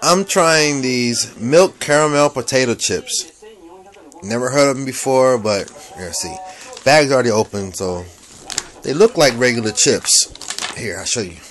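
A middle-aged man chats through a casual food review at an unhurried pace. His pitch moves up and down freely, though his manner stays low-key and matter-of-fact. It sounds like a homemade video shot up close on a handheld camera indoors. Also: lively intonation, fairly bright tone. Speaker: amateur snack reviewer. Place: small room at home, indoors. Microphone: handheld camera at close range.

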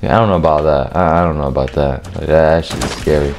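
A young man giving profane, trash-talking commentary while he plays a game, often jumping into high yelps. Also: fairly even intonation, fast talker, over loud music. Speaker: gamer and video creator. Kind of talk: live gameplay commentary.

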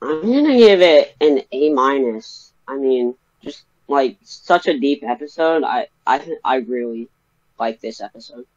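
Slow, earnest young man on a dull mic. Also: medium pitch, animated, a little mellow. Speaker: podcast co-host. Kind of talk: casual chat.

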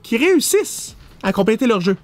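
A man's voice: very high-pitched, sing-song, fairly quick, no room sound. A man with a Quebec French accent analysing an esports match, piecing his phrases together hesitantly.

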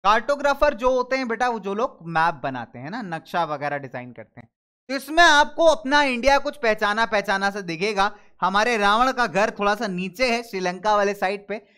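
Casting: male teacher for an online class, animated, tells everyday examples, checks in with students. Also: high voice, moderate pace, clean tone. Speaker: school teacher.

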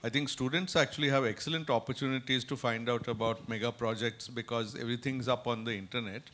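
A man, a physicist on a panel, answering in a measured, clarifying way. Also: mid-range voice, steady tone, a bit bright. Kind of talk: panel discussion answering questions.

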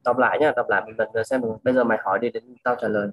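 A young man casually tutoring a classmate, repeating words and slowly modelling pronunciation. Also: medium pitch, steady tone, fairly bright tone, low-quality recording. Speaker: student coaching a classmate.

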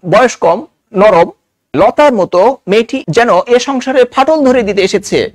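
Bangladeshi guy teaching a novel, high animated voice, reads bits in dialect and explains, very dry sound. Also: no echo. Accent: Bangladeshi Bengali. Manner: reads quoted dialogue in village dialect, then explains it. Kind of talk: Bengali literature lesson, reading and explaining passages.

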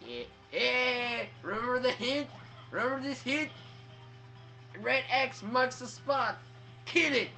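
A man giving let's play commentary, excitable, trash-talking the enemies on screen and breaking into shouts and laughs. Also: very high voice, takes it slowly. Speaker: gamer playing through a platform game. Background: faint game music.

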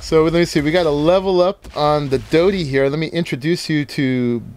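A man's voice: a little high, normal speed, darkish tone. Chatty man narrating his game build. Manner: chatty, laughs often, explains as he plays. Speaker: game let's-play host. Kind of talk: casual gameplay commentary.

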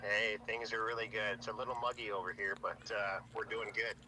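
A man heard over a phone on speakerphone in a casual chat, upbeat and quick to laugh, answering in short friendly replies. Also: lowish voice, level tone, noisy background. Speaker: person called on the phone.

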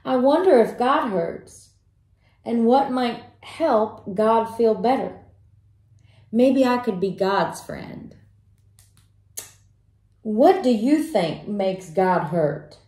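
A woman reading a children's picture book aloud in a slow, gentle way, stopping to ask young listeners questions. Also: fairly high pitch, expressive. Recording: roomy echo.

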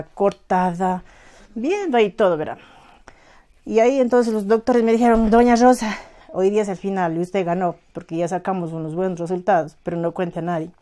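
A middle-aged woman with a southern Andean Ecuadorian accent, giving personal testimony as a victim's mother, halting and emotional, full of reported speech. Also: mid-range voice, mellow. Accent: southern Andean Ecuadorian Spanish, Azuay.

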